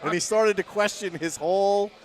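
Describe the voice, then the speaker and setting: A man doing casual color commentary at an axe-throwing event, telling rambling stories in a relaxed way. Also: sits high, moderate pace. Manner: rambling, laid-back storytelling with laughs. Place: on a platform at the event venue.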